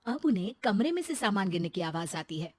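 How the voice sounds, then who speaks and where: Lady narrating a scripted kids story, normal pitch, bit of background noise. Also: very animated, a little fast.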